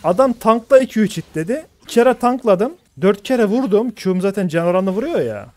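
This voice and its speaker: A man's voice: high voice, very animated, brisk, a little mellow, dry recording. Exasperated ranting male game streamer. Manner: exasperated, ranting, swears freely; reads out teammates' chat messages. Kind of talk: live gaming commentary.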